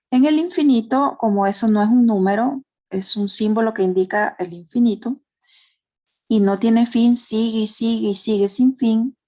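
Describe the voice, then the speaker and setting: A woman's voice: on the high side, mellow. A woman with a Honduran Spanish accent teaching a math class online, explaining step by step and checking in with tag questions. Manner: uses diminutives.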